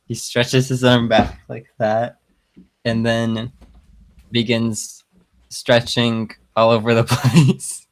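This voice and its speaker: Guy slowly making up a fight scene, lots of ums, pretty monotone. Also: medium pitch. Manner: hesitant, full of fillers. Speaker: player. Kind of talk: casual improvised fight narration.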